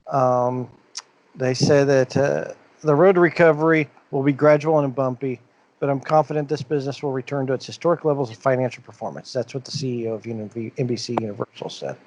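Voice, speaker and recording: A man with a medium-pitched, darkish voice co-hosts a casual podcast, talking a little fast on a low-quality recording with no room sound. He rambles loosely while reading out the news, circling back with uh's and restarts.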